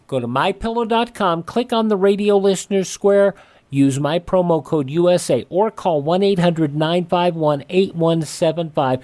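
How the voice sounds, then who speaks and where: A high-pitched, slightly mellow voice at normal speed belongs to an American-accented man working as a radio host. He reads scripted announcements, covering ads and old news headlines, in a presenter's style.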